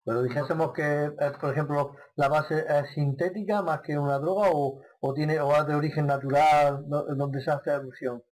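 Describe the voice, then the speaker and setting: A man's voice: fairly high pitch, fairly even intonation, moderate pace, few pauses, darkish tone. A man hosting a radio talk show, asking questions about a film in a hesitant, thoughtful way with many fillers. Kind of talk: casual radio interview.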